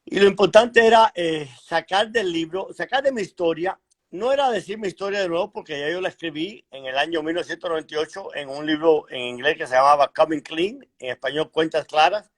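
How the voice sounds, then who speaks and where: A middle-aged man from Cuba, a guest author telling his life story in a frank, measured way over a video call, pausing and clearing his throat. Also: on the high side, fairly bright tone. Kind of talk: conversational interview storytelling.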